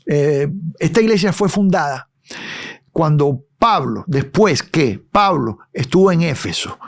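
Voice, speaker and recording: Guy teaching bible verse by verse, voice a bit on the high side, keeps asking if you follow. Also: vocal fry. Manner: conversational, checks in with listeners. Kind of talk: expository Bible study.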